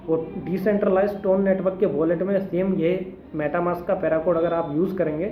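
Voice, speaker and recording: A young man with a high voice walks viewers through a casual step-by-step tutorial, dropping English tech terms as he goes. The sound is roomy and echoey, with a slightly dull, muffled tone and faint room hum behind him. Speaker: crypto tutorial host. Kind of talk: casual screen-recorded tutorial.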